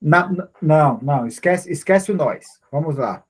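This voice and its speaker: A man's voice: on the high side, animated, measured pace, husky. Casual Brazilian man teaching a class. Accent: Brazilian Portuguese. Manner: patient, informal, checks understanding often. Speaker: Hebrew teacher. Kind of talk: online class, explaining.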